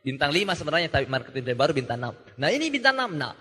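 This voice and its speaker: A young man telling a joking, animated story at a motivational seminar, acting out the voices of people he quotes. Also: fairly high pitch, rapid-fire, slightly rough. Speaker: motivational speaker. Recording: reverberant hall.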